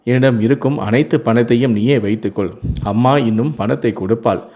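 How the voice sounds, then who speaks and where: A man reading the lines of a simple, childlike young man in his twenties who gently coaxes his bride in a storybook tale, slightly quieter than his narration. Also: medium pitch, a little fast, close to an everyday voice. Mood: coaxing.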